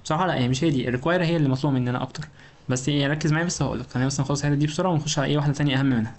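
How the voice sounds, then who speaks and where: Fast-talking Egyptian man lecturing. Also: on the high side. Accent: Egyptian Arabic. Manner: keeps asking rhetorical questions and checking understanding; informal, talks directly to the student. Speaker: engineering lecturer. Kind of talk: recorded lecture explanation.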